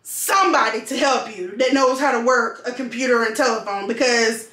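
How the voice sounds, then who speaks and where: High-voiced woman, echoey room. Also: normal speed, pushed and bright. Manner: emphatic, repeats phrases for stress. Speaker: vlogger and call center customer service worker. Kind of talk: casual venting to camera.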